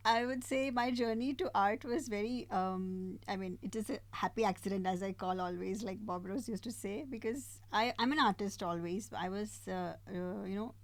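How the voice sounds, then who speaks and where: A woman's voice: mid-range voice, normal speed, hardly any pauses, dry recording. Eager, friendly middle-aged woman. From India. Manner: friendly, eager, laughs while talking. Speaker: guest artist. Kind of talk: casual interview chat.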